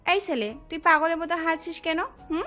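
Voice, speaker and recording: Woman playing a high, taunting college bully girl. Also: moderate pace, fairly bright tone. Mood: angry. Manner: taunting, aggressive. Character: brash, bullying young female college senior. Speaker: friend of the gang leader. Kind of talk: Bengali audio love-story drama. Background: faint background music.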